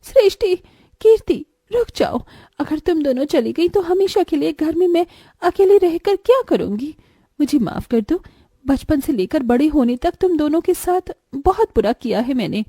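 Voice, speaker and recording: This time the same bitter, domineering stepsister from the cartoon moral story sounds pleading and remorseful, still delivered emphatically and dramatically. The woman's voice sits high and mellow, recorded with clean studio sound and no room echo.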